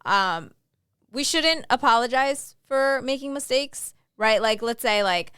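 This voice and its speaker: A woman co-hosting a relaxed podcast, her voice clean and smooth on a dry, close recording. She hands out advice with playful swagger, in bursts of talk with plenty of "right?" and "um". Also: on the high side, measured pace, no echo. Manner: playfully boastful, gives advice in a coaching tone; talks in bursts with many "right?" and "um". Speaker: podcast co-host. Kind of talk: casual podcast chat.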